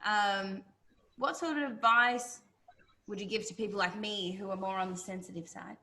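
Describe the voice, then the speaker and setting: Woman, host, bright voice, sympathetic and chatty. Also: mid-range voice, fairly even intonation, normal speed. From Australia. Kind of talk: interview chat.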